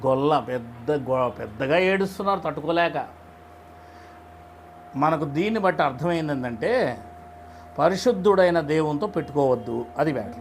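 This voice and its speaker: A man's voice: on the high side, animated, moderate pace, pauses often, slight background noise. A man preaching in a conversational style, putting rhetorical questions to his listeners and retelling stories in plain speech. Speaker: preacher leading a Bible study. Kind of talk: conversational sermon.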